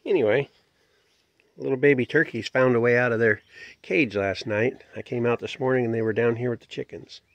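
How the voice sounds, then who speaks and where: A folksy man with a gravelly, creaky voice, narrating his farmyard on a handheld phone. The sound is dull and lo-fi, with chickens and outdoor noise behind him. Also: medium pitch, fairly quick, no room sound. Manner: relaxed, folksy, talks to animals. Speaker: homestead vlogger. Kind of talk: casual narration while filming. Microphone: phone camera held by the filmer.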